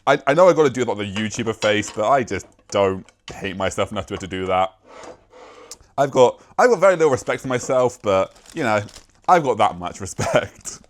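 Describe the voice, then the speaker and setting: British man, young adult, casual vlog, rambling, self-deprecating, a bit low-pitched, swears now and then. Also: expressive, brisk. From Britain. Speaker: YouTuber.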